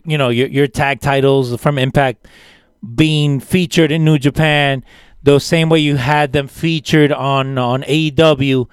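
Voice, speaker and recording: A man's voice: fairly high pitch, clean tone, dry recording, clean studio sound. A man co-hosting a casual wrestling chat, talking enthusiastically in long rambling turns full of restarts. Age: older than co-hosts. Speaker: podcast co-host.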